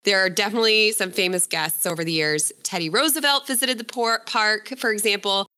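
A woman with a bright, clear voice tells a story in a relaxed podcast chat. She keeps it loose and friendly, breaking off to laugh and fix her own words. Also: mid-range voice, a little fast. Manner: chatty, self-correcting, laughs often. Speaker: co-host presenting a story.

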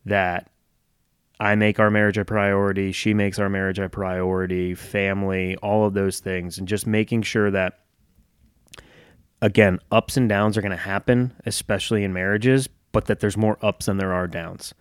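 Low-voiced man musing in a dry close mic. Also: flat delivery, normal speed, smooth, no room sound. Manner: candid, self-reflective, joking with occasional swearing. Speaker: podcast host and gym owner. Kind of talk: solo casual podcast monologue.

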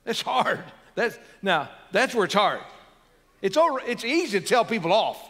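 A man's voice: sits high, very animated, moderate pace, sharp tone, in a large hall. A man preaching a sermon as pastor, earnest and building to emphatic peaks.

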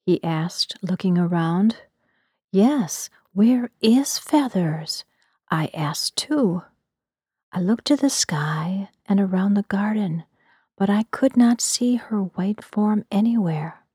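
A woman tells a first-person story in a soft, hushed whisper made for ASMR. Her delivery is slow and mellow, with a breathy edge. The recording is close and dry. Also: medium pitch, lively intonation, no echo. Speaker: narrator.

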